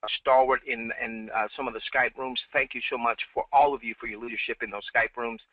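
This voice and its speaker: A man's voice: mid-range voice, steady tone, brisk, dry recording. A man hosting a live team webinar, upbeat and repeating himself, with many fillers, on a headset. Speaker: webinar host. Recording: dry, tinny phone-like line.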